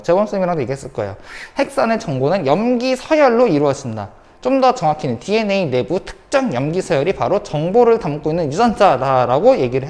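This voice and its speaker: A high school science teacher gives an online lecture, repeating key points and posing rhetorical questions to the class. Her voice is on the low side and a little mellow, with a long reverb tail.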